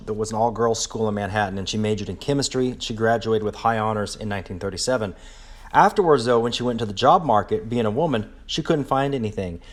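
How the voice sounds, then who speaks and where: A man, a dermatologist, presenting a history lecture to colleagues at a conference, telling stories about notable figures. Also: mid-range voice. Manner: admiring, storytelling lecture delivery.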